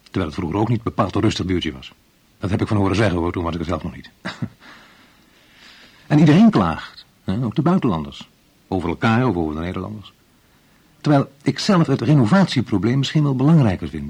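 A man's voice: mid-range voice, darkish tone, slightly rough. An actor playing a smug man in a radio play who brushes off complaints, talking in a glib, reassuring way. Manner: glib, reassuring, adding "hoor" and "heus".

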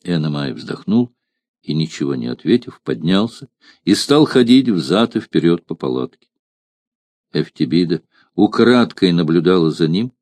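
A man narrates a novel in a measured, expressive audiobook reading. His voice is deep and dark. The sound is dry and close. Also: dry recording.

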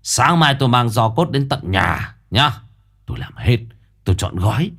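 A man voicing a greedy, crafty old fake sorcerer who talks low and wheedling. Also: sing-song, moderate pace, a bit bright, heavily acted. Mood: sly. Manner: low, gruff, sly and wheedling.

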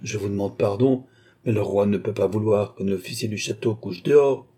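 A man with a husky voice reading a bold, commanding young prince in a period novel audiobook. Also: lowish voice, normal speed, warm tone. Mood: haughty.

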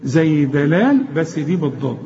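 A man with an Egyptian accent teaching the rules of Quran recitation, explaining each rule plainly and then chanting the verse slowly. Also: a little high, sing-song, warm tone, lo-fi sound, a little hiss or hum. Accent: Egyptian Arabic. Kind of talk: tajweed lesson with recited examples.

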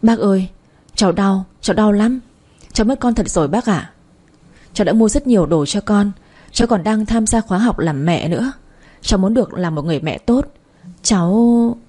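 A woman's voice: mid-range voice, lively intonation, moderate pace, warm tone, slightly rough. A woman voicing a young woman grieving the loss of her baby, pleading and tearful, in an audio story. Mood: distraught. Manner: sobbing, pleading.

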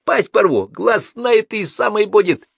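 A manic male gangster spirit raving through a stolen body, loud and high in pitch, full of crude slang, as a man acts him out. The voice is gravelly and swings wildly up and down. It sounds dry and close, like a storybook reading. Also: expressive, moderate pace, no echo, heavily acted.

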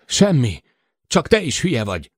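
A man's voice: mid-range voice, sing-song, darkish tone, slightly rough, no room sound, studio quality, pitched above the performer's own voice. A man voicing a tired, irritable young male crewman who speaks curtly and tensely. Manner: tense, curt and quick-tempered.

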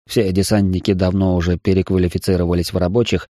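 Male audiobook narrator, first person, measured; low, dark and dry. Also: little pitch movement, no echo.

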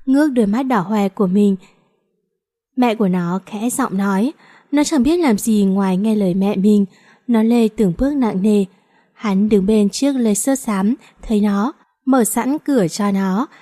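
A woman narrating a romance novel in a steady, even reading voice. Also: mid-range voice, measured pace. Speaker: audiobook narrator.

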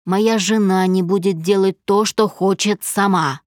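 A woman's voice: medium pitch, fairly even intonation, a little slow, no echo, clean studio sound, natural voice. A woman voicing a domineering, jealous husband who speaks harshly and in clipped phrases.

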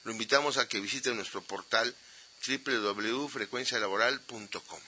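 A man co-hosting a radio news show, hesitant in chat and steady when he reads the segments. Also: medium pitch, normal speed, a little hiss or hum, poor audio. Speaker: radio co-host.

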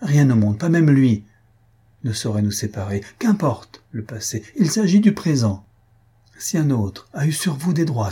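A man's voice: medium pitch, dark tone, slightly rough, pitched above the performer's own voice. A man reading an audiobook, voicing a passionate, desperate young count with an impassioned, pleading delivery.

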